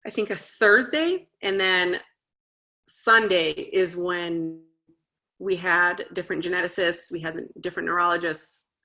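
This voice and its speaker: A woman in her thirties speaking in a slightly low register with a bright, forceful edge. She tells her story in a casual interview, chatty and earnest, scattering "like" and "you know" as she acts out past conversations. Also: unhurried. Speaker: guest parent.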